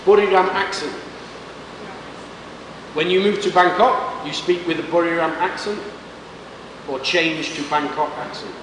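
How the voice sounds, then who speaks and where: Pausing often and speaking unhurriedly, an English teacher from Manchester uses a slightly high voice to quiz his class in short, simple sentences. The classroom lecture was recorded from a distance, leaving echo and background hiss.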